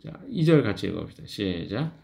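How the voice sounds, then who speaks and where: A man's voice: lowish voice, big pitch swings, a little fast, vocal fry, crowd noise. A middle-aged male pastor leading a morning devotional Bible study, talking conversationally and answering his own questions.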